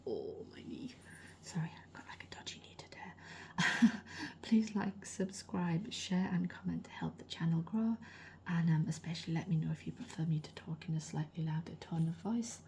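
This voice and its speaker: Brief: middle-aged woman, whispered role-play, low-pitched, fry in the voice, a little hoarse. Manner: soft rambling whispered chat. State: slightly losing her voice. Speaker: ASMR creator.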